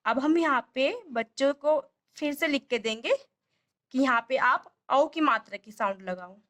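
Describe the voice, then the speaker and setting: A woman with a high, light voice teaches step by step, patiently sounding out each syllable again and again. She speaks like a home tutor guiding parents through a lesson. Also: lively intonation, a bit bright. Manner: patient, repeats sounds slowly and drawn out.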